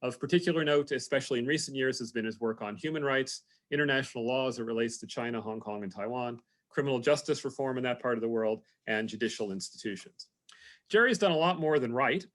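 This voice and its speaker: Male, mid-pitched, measured speaker intro with frequent fillers, video call audio. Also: fairly bright tone. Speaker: lecture introducer.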